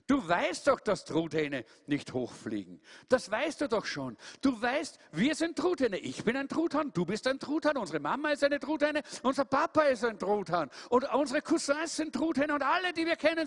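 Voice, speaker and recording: A man's voice: very high-pitched, huge pitch swings, normal speed, hardly any pauses, pitched above the performer's own voice, full character voice. A man voicing a stubborn male turkey who lectures insistently and keeps reciting the same list.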